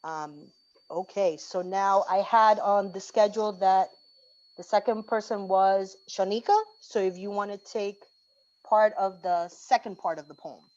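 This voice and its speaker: A woman leading an orientation, reading a collective list poem aloud in a measured way, pausing between items. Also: mid-range voice, darkish tone. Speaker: orientation organizer. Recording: dull lo-fi call audio.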